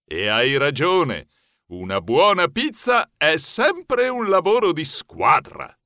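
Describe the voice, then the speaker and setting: Genial expert mouse pizzaiolo, put on by a male narrator; slow, bright and tuneful. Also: on the high side, huge pitch swings, no room sound, studio quality, exaggerated voice. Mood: friendly. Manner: slow, solemn, warmly assured. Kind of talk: audiobook character voice.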